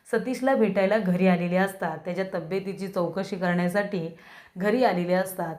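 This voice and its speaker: A woman's voice: mid-range voice, a little mellow. A woman narrating a recap of a TV serial episode and addressing viewers directly.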